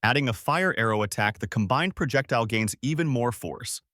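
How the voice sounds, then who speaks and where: A man narrating a story recap in a scripted, expressive storytelling manner. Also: mid-range voice, fairly quick, dry recording, studio quality.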